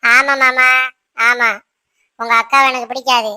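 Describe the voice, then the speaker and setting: A woman's voice: sits high, level tone, measured pace, bright, forceful tone, smooth, dry recording, exaggerated voice. A woman voicing a proud, stubborn young wife in a cartoon who lectures her husband and keeps asking "right?". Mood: insistent. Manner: insistent, lecturing, repeats "சரியா?". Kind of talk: cartoon voice acting.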